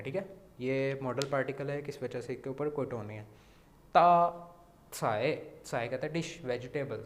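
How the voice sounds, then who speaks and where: A man with a Pakistani Urdu accent teaching Mandarin, slowly repeating sounds and often checking with "theek hai". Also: medium pitch, echoey room. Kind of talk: language lesson explaining words.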